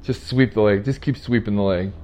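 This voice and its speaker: A man's voice: lowish voice, brisk, a little mellow, slight background noise. A man co-hosting a casual podcast, joking and laughing as he talks about a movie. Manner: joking, laughs often, puts on silly voices. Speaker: podcast co-host. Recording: dull lo-fi podcast audio.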